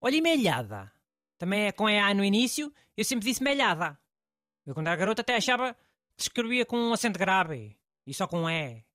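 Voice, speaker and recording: A man's voice: sits high, very animated, brisk, pushed and bright, dry recording, studio quality, heavily acted. A man with a European Portuguese accent, playing a blunt know-it-all male host in comic scripted banter, offhand and teasing. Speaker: show host.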